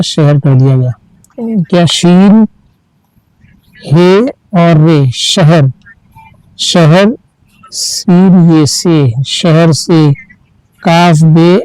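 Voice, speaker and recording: A man teaching reading, spelling each word out letter by letter and then reading it slowly and patiently. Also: a little high, mellow, clear, resonant tone, no room sound, low-quality recording. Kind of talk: slow letter-by-letter reading lesson.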